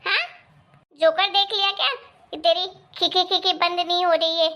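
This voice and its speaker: A woman's voice: extremely high pitch, fairly even intonation, moderate pace, pushed and bright, exaggerated voice. A woman voicing a short-tempered mother-in-law in a cartoon story, scolding and threatening.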